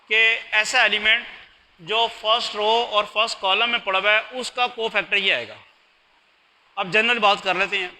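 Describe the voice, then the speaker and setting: A man's voice: sits high, bright, forceful tone, rough recording. A man giving a recorded math lecture, patient and explaining step by step. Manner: patient, explains step by step, mixes in English terms.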